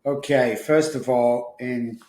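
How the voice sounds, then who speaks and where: Speaking slowly in a steady, slightly mellow mid-range voice, this middle-aged Manchester man, an addiction recovery specialist, chats through interview questions as a podcast guest in his Manchester English accent. He's in a home office and recording studio with a roomy, echoey sound and slight background noise.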